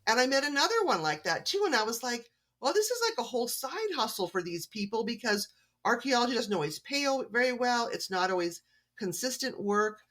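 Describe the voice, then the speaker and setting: A woman's voice: a little high, lively intonation, brisk, a bit bright. Woman author guest, from canada, friendly, talkative, casual interview.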